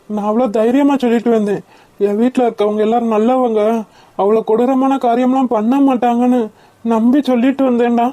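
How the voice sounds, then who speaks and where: A woman's voice: fairly high pitch, mellow, lightly acted. A woman voicing an anguished, agitated young man in a cartoon. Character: anguished young man, worried for his wife. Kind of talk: cartoon voice acting.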